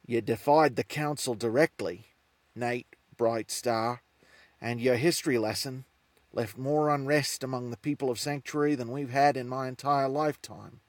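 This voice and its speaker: A man voicing a stern male council leader who speaks in a slow, accusing way. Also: mid-range voice, no echo, natural voice.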